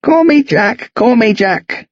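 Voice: medium pitch, animated, moderate pace, no echo, lo-fi sound, voice pushed up, natural voice. A reader voicing a friendly, chatty older country man with a broad, slangy drawl. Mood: cheerful.

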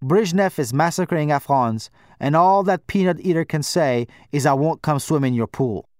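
A man's voice: a little high, animated, moderate pace, darkish tone, clear, resonant tone, no echo, clean studio sound, natural voice. A man voicing an opinionated, blustery middle-aged Afghan father in an audiobook, lecturing emphatically and with scorn. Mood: scornful lecturing. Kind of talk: audiobook character voice.

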